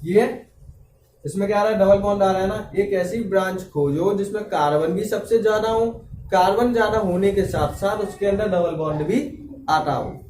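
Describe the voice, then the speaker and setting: A man with a high, mellow voice teaches a class lecture and keeps checking that the students follow him. He sits a little back from the microphone in an echoey room, with a faint hiss underneath. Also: normal speed, far from the mic. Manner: checks understanding with frequent "clear?" and "okay". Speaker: chemistry teacher.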